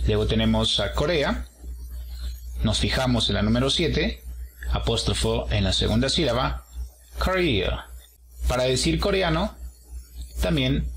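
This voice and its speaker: Slow, patient male English teacher. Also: medium pitch, creaky, fairly bright tone, slight background noise, poor audio. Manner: slow, patient, models English words after each explanation. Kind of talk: explaining a textbook page.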